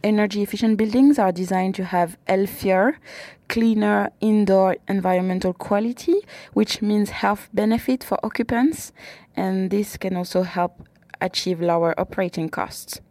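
A woman's voice: mid-range voice, normal speed, warm tone, no room sound. A woman financial analyst giving interview answers, explaining research carefully with figures.

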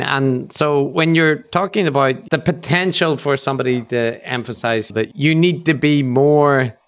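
Man in casual discussion. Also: mid-range voice. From Northern Ireland. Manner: thoughtful, many fillers, swears casually. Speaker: podcast co-host.

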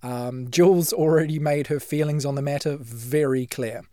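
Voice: medium pitch, steady tone, moderate pace, dark tone. A game master hosting and narrating a tabletop role-playing podcast. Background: background music.

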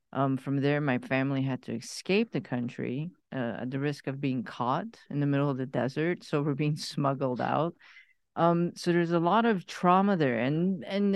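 Smooth, fairly high-voiced man from Iran. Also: no room sound. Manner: earnest, candid, halting at times. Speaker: podcast guest. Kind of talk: personal story, conversational.

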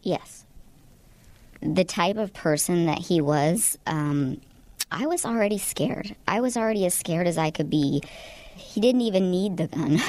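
A woman speaking as a radio interview guest in a studio, her voice disguised to sound deep, talking in a hesitant, halting way with many fillers. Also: a little mellow, no echo.

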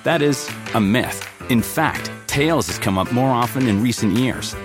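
Male announcer, scripted ad read, mid pitch, clear music bed. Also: unhurried. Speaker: commercial announcer. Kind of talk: scripted ad narration.

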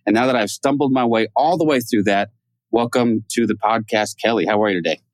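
A man's voice: lowish voice, fairly quick, no echo. Chatty man co-hosting a podcast, dry mic. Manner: chatty, self-deprecating, stumbling restarts. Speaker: podcast co-host. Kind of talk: casual podcast interview.

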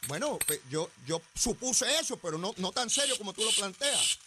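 A middle-aged man with a Puerto Rican accent hosting an opinionated political talk show in a mocking, animated way. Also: high-pitched, moderate pace, heavy background noise. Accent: Puerto Rican Spanish. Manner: animated, mocking, drops into comic voices. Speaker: radio and TV show host.

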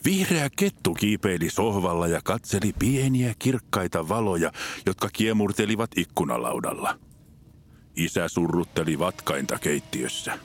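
Deep-voiced man reading a children's story. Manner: expressive storytelling. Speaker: narrator.

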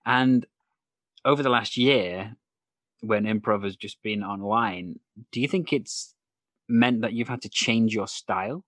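A man's voice: on the low side, unhurried, a bit bright, no echo. A man hosting a casual interview, chatting and asking questions. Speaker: interview host, improviser.

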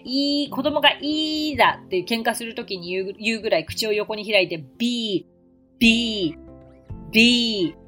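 A woman hosting a podcast English lesson who explains patiently and repeats English phrases slowly for learners to practice. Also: mid-range voice, fairly bright tone. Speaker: English teacher and podcast host.

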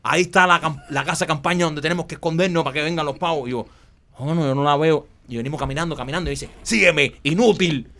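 A man's voice: a little high, fast, pushed and bright. A man telling a funny story in casual chat, acting out the quotes and laughing often.

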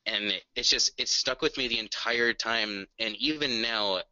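Very bright-voiced enthusiastic male podcaster. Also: mid-range voice, a little slow, dry recording, muffled recording. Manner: enthusiastic storytelling, earnest. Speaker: podcast co-host. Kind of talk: casual music chat.

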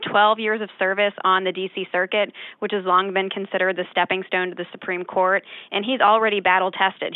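A woman's voice: medium pitch, no echo. A woman giving analysis as an interview guest. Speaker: legal analyst, podcast guest. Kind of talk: interview commentary. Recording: thin, phone-like line.

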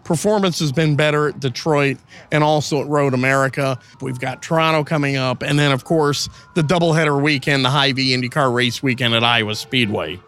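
A man's voice: mid-range voice, fairly even intonation, a little fast, a bit bright. A man hosting a motorsport show, asking long, detailed setup questions in an interview. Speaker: show host.

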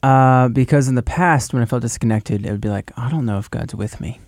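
A man's voice: mid-range voice, brisk, a little mellow, no room sound, clean studio sound. A man hosting a podcast, speaking earnestly in casual chat and laughing easily. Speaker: podcast host.

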